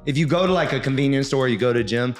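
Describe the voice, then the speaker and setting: A man's voice: medium pitch, racing, roomy sound, faint music behind. A man in his thirties hosting a podcast, talking in an earnest, upbeat way with plenty of fillers. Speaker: podcast host. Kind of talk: casual podcast interview.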